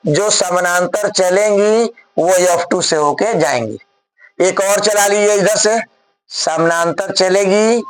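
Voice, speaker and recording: Slow, dictating male classroom teacher. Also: high-pitched. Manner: dictates slowly word by word, asks the class questions. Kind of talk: classroom physics lesson.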